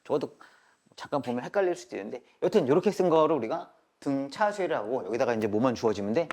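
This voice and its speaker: A male math teacher giving a live classroom lecture. He keeps asking students quick questions and drills them with check-ins, mixing polite and casual speech. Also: medium pitch, expressive, a little mellow.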